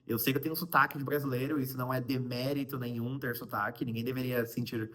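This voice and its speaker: A man's voice: mid-range voice, flat delivery, quick pace, fairly bright tone. A young man from Brazil with a Brazilian Portuguese accent, chatting casually to his viewers in a vlog, full of fillers and asides. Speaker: vlogger.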